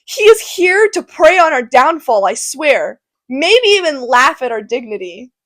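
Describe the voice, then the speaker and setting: A woman's voice: high-pitched, very animated, measured pace, fairly bright tone, no room sound, heavily acted. A teenage girl voicing a hotheaded teenage boy cousin, indignant and slangy, in a school drama project. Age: teens.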